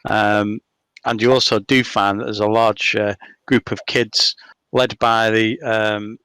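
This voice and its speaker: A man narrating as game master in a tabletop game, relaxed and with frequent ums. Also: fairly low pitch, slow, clean tone, dry recording.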